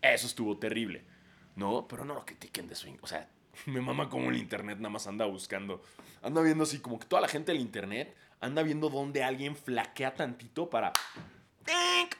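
A man's voice: mid-range voice, lively intonation, brisk, gravelly, a bit bright, slight background noise. A man with a Mexican accent talking casually and profanely on his podcast, ranting and putting on mocking voices. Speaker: podcast host.

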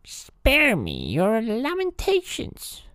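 A man's voice: very high-pitched, huge pitch swings, very slow, a bit bright, no echo, studio quality, voice pushed up, full character voice. A man voicing a cruel, scolding old witch in a read-aloud bedtime fairy tale. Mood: menacing. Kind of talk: bedtime story reading.

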